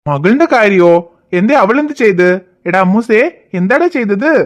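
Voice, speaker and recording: A woman's voice: medium pitch, animated, moderate pace, close to an everyday voice. A woman voicing a teasing, good-natured cartoon father who talks in a jokey, playfully bossy way. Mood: calling. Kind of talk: cartoon voice acting.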